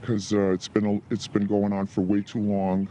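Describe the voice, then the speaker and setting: An anonymous source close to a family, speaking through an electronically altered, deepened voice in a news interview, blunt and halting. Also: monotone, mellow, slight background noise. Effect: voice electronically altered and deepened to hide identity.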